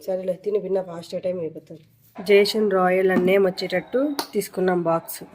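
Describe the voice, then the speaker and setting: A woman narrating a family vlog, gently coaxing her small son and repeating her questions to him. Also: on the low side, fairly even intonation, quick pace, noisy background. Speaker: mother filming a family vlog.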